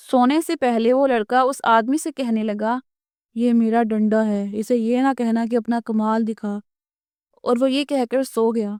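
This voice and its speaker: A woman narrating a scripted children's cartoon story in an even storytelling manner. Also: a little high, smooth, no room sound, clean studio sound.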